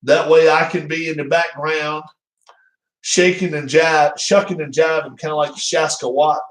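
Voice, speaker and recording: A man hosts a casual live stream from a room at home, rambling and teasing his viewers in a jokey way. His voice sits fairly high for a man. The room gives the sound a noticeable echo. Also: level tone, moderate pace. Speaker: channel host. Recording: roomy echo.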